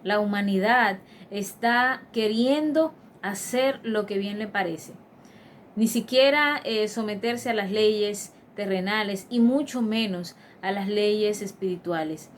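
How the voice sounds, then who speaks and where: A woman's voice: medium pitch, slow, a little hiss or hum. A woman preaching a devotional sermon in an earnest, emphatic manner, with frequent fillers and restarts.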